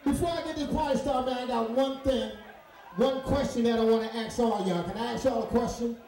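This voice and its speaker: Loud joking party DJ man from D.C. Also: very high voice, a little fast. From Washington, D.C. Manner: loud, joking, shouts calls and questions at the crowd. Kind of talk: hyping a party crowd on the mic. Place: large indoor party hall. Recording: echoey hall, taken from far off. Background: loud music and a crowd.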